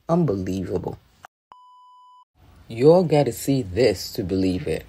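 A man's voice: mid-range voice, darkish tone, husky. A man giving reaction commentary as a video narrator.

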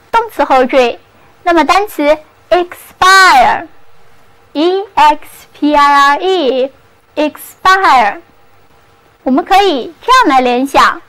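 A woman teaching English vocabulary in a scripted lesson, spelling words letter by letter and repeating example sentences slowly. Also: sits high, a bit bright, poor audio.

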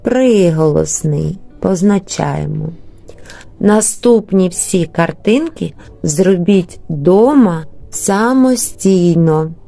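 A woman's voice: fairly low pitch, lively intonation, vocal fry, dark tone, soft background music. A woman teacher, giving an early reading lesson to young children and drawing out words syllable by syllable. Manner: slow, drawn-out syllable-by-syllable word modeling.

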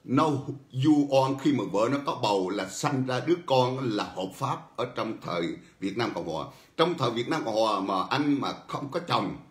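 Guy hosting a political talk show, chuckles a lot, echoey room. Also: medium pitch. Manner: animated storytelling, chuckles often. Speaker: host. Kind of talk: political commentary monologue. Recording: roomy echo.

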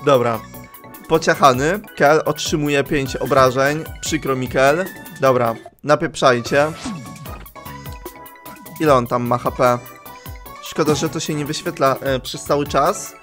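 A young man hosting a gaming channel, giving casual let's play commentary in a lively, chatty manner, talking straight to his viewers and reading the game's text out loud. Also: medium pitch, measured pace, faint music behind. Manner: lively and chatty, addresses viewers directly, reads game text aloud.

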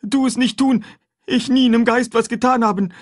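A man's voice: sits high, big pitch swings, a little slow, husky, pitched above the performer's own voice, exaggerated voice. A man voicing a frightened, hungry grown man who talks in broken, ungrammatical speech, in an audiobook. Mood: pleading terrified. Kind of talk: audiobook character voice.

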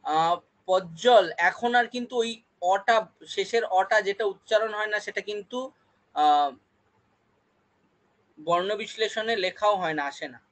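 High-voiced man teaching a class. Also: fairly bright tone. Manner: explains slowly, repeats words syllable by syllable. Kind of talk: online Bengali grammar class.

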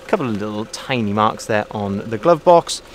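A man's voice: fairly low pitch, expressive, normal speed, a little hiss or hum. Salesman touring a pickup. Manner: friendly, methodical, repeats phrases. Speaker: car salesman. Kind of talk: walkaround vehicle review. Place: outdoors at a car lot. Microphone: handheld phone camera, filming himself off-screen.

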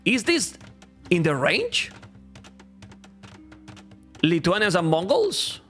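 An animated man with a Spanish accent casts a game slowly in a high-pitched voice, repeating phrases and addressing his chat from a home streaming room. He's losing his voice, and faint game music runs underneath.

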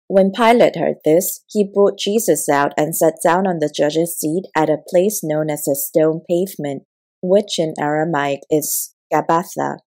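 Low-voiced woman reading scripture. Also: dark tone. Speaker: audiobook narrator.

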